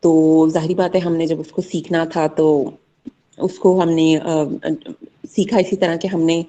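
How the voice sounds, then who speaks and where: A young woman giving a class presentation, halting with many fillers as she mixes two languages. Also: low voice, little pitch movement, dark tone. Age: young adult. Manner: hesitant, many fillers, mixes Hindi-Urdu and English. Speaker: student presenter.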